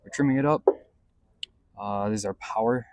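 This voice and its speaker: With a fairly low voice at normal speed and a bit of background noise, this man casually narrates a car install as a vlog host. He muses aloud in a laid-back, slangy way while working in and around a pickup truck.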